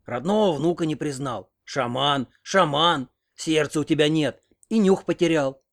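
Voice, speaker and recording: Scolding old grandmother in her seventies, read by a man: shrill, weepy, raised pitch. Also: normal speed. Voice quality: shrill scolding, sucking at false teeth. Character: angry tearful old village grandmother.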